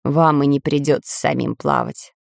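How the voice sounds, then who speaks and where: A woman voicing a calm, learned old professor in a children's audiobook, speaking slowly and reassuringly in a lowered voice. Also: gravelly, no room sound, studio quality, exaggerated voice. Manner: slow, lowered, reassuring explaining.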